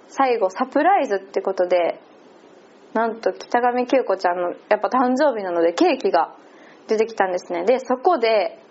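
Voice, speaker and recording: A woman with a Kansai accent chatting casually and laughing often as she recaps an event. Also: a little high. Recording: slightly muffled lo-fi audio.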